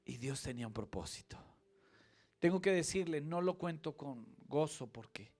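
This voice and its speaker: A middle-aged preacher with a fairly high voice delivers a sermon built on his own story. He moves from quiet, low passages to loud, emotional peaks as he preaches from a church stage. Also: expressive, normal speed. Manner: dramatic storytelling, swinging between hushed and loud. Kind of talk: sermon with personal testimony.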